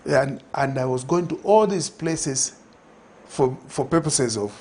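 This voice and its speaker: With a warm, animated, medium-pitched voice at a measured pace, an older Zambian-accented guest speaks thoughtfully in a TV studio interview. Picked up by a lapel mic with a little hiss or hum, his conversational answers include many fillers and restarts.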